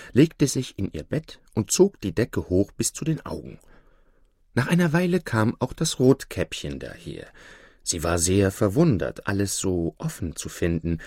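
A male storyteller reading a fairy tale with expressive, dramatic delivery. His lowish voice moves a lot in pitch and sounds dry and close. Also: dry recording. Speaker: narrator. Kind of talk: storybook narration.

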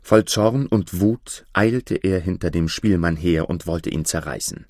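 Deep-voiced male fairy tale reader. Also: a little slow, no echo, studio quality. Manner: expressive storytelling. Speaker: narrator.

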